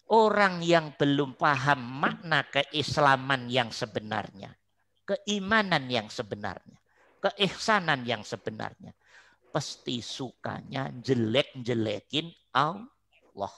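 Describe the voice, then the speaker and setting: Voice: mid-range voice, lively intonation, takes it slowly, bright, forceful tone. A religious teacher, giving an online study lecture in emphatic, repeating rhetorical lines and putting questions to the listeners.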